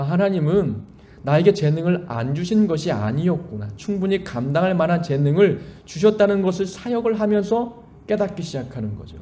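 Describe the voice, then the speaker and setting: A man's voice: a little high, dark tone. A middle-aged man preaching a sermon as a pastor, earnest and emphatic, with a mild lisp that makes his s sounds slushy. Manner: earnest exhortation with personal anecdotes, emphatic rises and falling sentence endings.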